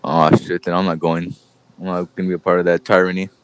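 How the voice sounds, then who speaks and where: On a podcast, this congested co-host keeps things loose and joking, laughing often through the casual conversation. He talks fast in a deep, clear, resonant voice with little pitch movement, though the recording itself is rough.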